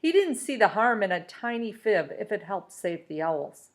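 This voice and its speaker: Reading from a children's novel, a woman brings the story to life expressively in a mid-range voice at a moderate pace.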